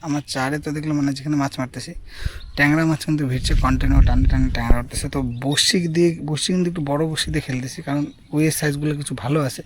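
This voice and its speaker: A man's voice: fairly high pitch, steady tone, racing, a little hiss or hum. Chatty man vlogging outdoors while fishing. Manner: chatty, shows off each catch, asks "ঠিক আছে?" often. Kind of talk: casual outdoor vlog narration. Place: outdoors by a river among rice fields.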